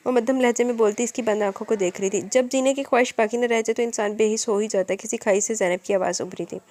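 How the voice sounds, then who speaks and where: Fast-reading woman narrating a novel. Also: on the high side, fairly even intonation, darkish tone. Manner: rapid, unbroken reading.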